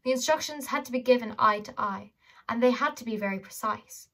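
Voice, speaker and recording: A woman reading a children's fantasy novel aloud with lively, dramatic narration. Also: a little high, fairly quick. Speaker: audiobook reader. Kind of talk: storybook narration.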